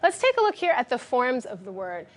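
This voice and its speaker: A woman teacher leading a classroom vocabulary lesson, speaking clearly and directively and praising her students often. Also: on the high side, wildly swooping pitch, a little fast.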